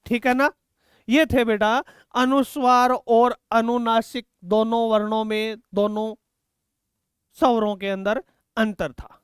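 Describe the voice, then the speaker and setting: A male grammar teacher lectures in a high, crisp voice that speaks Hindi. He drills key words again and again, stretching them out for his students. The sound is dry and close, with no room echo. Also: flat delivery. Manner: repeats key words slowly, addresses students as "beta". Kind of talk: exam-prep grammar lesson.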